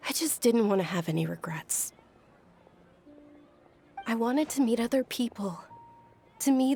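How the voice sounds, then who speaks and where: Playing a delicate young noblewoman in a video game, a woman speaks in a slightly high, gravelly voice. Her delivery is soft, polite, earnest and measured.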